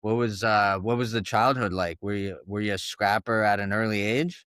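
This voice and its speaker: A man's voice: fairly low pitch, steady tone, normal speed, fairly bright tone, smooth, no echo, clean studio sound. A man from Ontario co-hosting a podcast interview, asking questions in a hyped, casual way. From Hamilton, Ontario. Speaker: podcast co-host.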